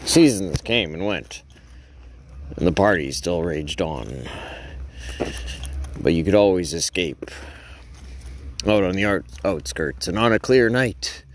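A man narrating a wry first-person story in a dry, deadpan way, with long drawn-out pauses. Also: deep voice, slight background noise.

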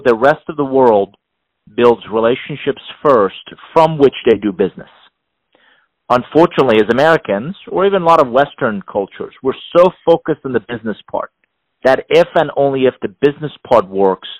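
An executive advisor and author from Iran, middle-aged and emphatic, gives interview answers in a medium-pitched voice. His manner is animated, full of restarts and repeated words. The sound is dry with no room presence and the highs cut off.

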